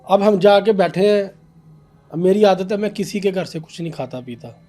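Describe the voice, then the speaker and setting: A young man, a podcast guest telling an animated story about a paranormal case. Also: high voice, normal speed, faint music behind. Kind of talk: casual storytelling in a podcast interview.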